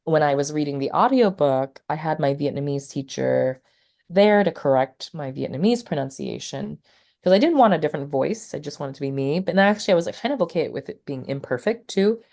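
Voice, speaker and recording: A poet who also teaches appears as an interview guest, a woman with a low voice who talks casually and rambles, restarting sentences and leaning on "like" and "you know." She sounds expressive, warm, and a bit creaky, speaking a little fast.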